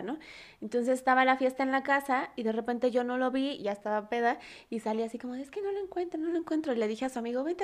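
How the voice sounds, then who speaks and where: Slangy Mexican woman, animated storyteller. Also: fairly high pitch. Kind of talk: casual chat.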